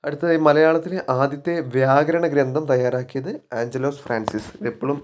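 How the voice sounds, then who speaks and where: Man drilling exam facts, mid-pitched. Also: steady tone, fairly quick, a little hiss or hum. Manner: repeats key facts and quizzes himself. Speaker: exam coaching teacher. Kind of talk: spoken exam-prep lesson.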